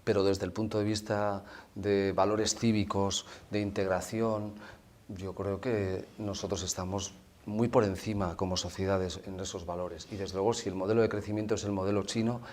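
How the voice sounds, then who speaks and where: A man speaking in a measured, deliberate way in a podcast conversation. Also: low voice, flat delivery, a little mellow. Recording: faint background noise.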